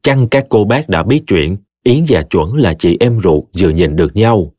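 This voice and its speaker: A man's voice: low voice, expressive, moderate pace, darkish tone, no echo, clean studio sound. A man voicing a dignified eldest son who speaks respectfully and measuredly. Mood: measured firm.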